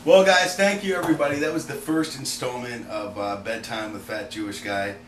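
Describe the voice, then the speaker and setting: A young man hosting a comedy bedtime interview with dry, deadpan teasing. His voice sits in a middle pitch. The bedroom recording sounds roomy, with clear background noise. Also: a little fast. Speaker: host. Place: indoor bedroom set.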